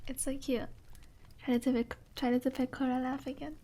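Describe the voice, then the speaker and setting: A woman with a high, light voice chats casually on a live stream. She laughs easily, answers her viewers' requests and keeps apologizing and poking fun at herself. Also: little pitch movement, moderate pace, mellow, a little hiss or hum. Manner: giggly, laughs often; apologetic and self-mocking.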